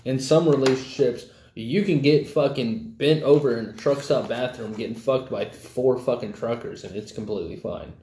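A man's voice: medium pitch, moderate pace, few pauses, warm tone. A man in casual, crude podcast banter who laughs often. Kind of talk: casual chat. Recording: echoey room, faint noise.

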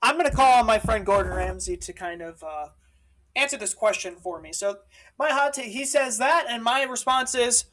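Excitable, interrupting male co-host. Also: very high-pitched, normal speed, a little hiss or hum, low-quality recording. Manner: excitable, interrupting, prone to shouting. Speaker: podcast co-host. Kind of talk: casual comedic chat.

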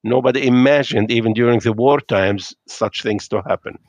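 Here a middle-aged Lebanese man with a mid-range voice talks at a normal speed, reflecting carefully with hesitations, fillers and a touch of non-native phrasing. He's a podcast guest on a video call from his home, and there's no echo.

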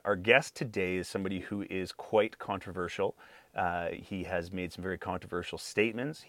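Low-voiced male podcast host. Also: fairly bright tone, no echo. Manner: careful, hedging, many fillers. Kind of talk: interview podcast, scripted intro.

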